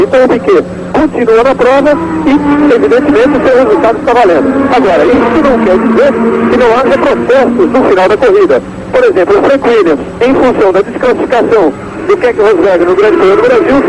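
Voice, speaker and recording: Narrador brasileiro de automobilismo, voz bem aguda. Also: male voice, extremely high pitch. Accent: Brazilian Portuguese. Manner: motorsport commentator delivery, calling positions and timings. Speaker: motorsport TV commentator. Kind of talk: live race commentary. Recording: loud engine and car noise. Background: racing cars and engine noise.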